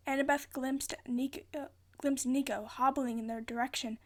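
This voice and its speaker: A woman's voice: high-pitched, fairly even intonation, normal speed. A woman giving a theatrical, amateur storybook narration, often stumbling and rereading phrases. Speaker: amateur reader.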